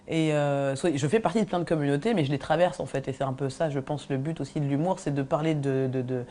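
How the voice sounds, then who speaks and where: A woman comedian talking in an interview, relaxed and hesitant, with many fillers. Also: low voice, quick pace, slight background noise. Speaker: stand-up comedian. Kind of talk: interview talk.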